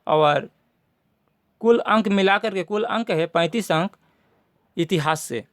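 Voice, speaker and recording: A man's voice: high-pitched, slow, fairly bright tone, no echo. A man teaching a class, walking students methodically through a syllabus and repeating key points. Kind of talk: syllabus walkthrough lesson.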